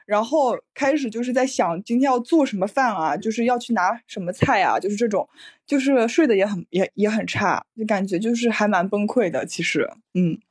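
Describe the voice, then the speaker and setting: A woman's voice: medium pitch, brisk, slightly rough. A woman co-hosting a podcast, chatting casually with many fillers and frequent laughter. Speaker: podcast co-host.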